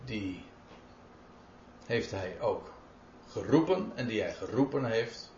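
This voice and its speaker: Reading out Bible verses and explaining them with emphasis, a man delivers an expository sermon slowly and expressively. His voice is fairly low and darkish, captured in a roomy, dull lo-fi recording with slight background noise.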